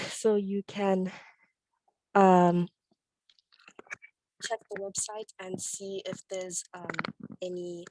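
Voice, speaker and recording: A young woman giving a hesitant update in a remote meeting. Her computer mic cuts in with glitchy clicks, and she fills her pauses with "um" and "uh". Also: medium pitch, a little mellow, a little hiss or hum, poor audio. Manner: hesitant, many fillers. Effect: glitchy clicking mic audio. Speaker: student government secretary. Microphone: computer mic on a video call.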